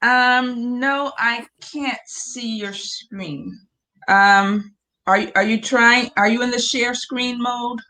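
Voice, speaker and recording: Slow-paced woman hosting on a video call. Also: a little high, bright, forceful tone, poor audio. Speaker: host of an online webinar. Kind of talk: informal live webinar hosting, talking a guest through screen sharing.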